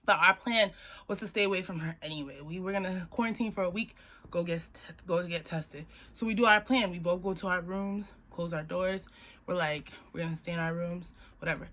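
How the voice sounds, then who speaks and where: A young woman with a Boston-area accent, casually telling a personal story on her vlog and leaping up in pitch when she acts out her own lines. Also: brisk. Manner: animated, jumps high when acting out her own quotes. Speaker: vlogger.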